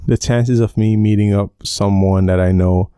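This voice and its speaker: A man in his twenties hosts a rambling solo podcast from under a blanket in his bedroom. His voice is smooth and dry, with no room sound at all. He is hot and sweating under the cover. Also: fairly low pitch, steady tone, moderate pace, dark tone, no echo. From Belize. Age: 20s. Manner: rambling, chatty, self-aware about going off topic. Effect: recorded under a blanket. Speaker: podcast host. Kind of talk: casual solo podcast chat. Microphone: home podcast mic under a blanket.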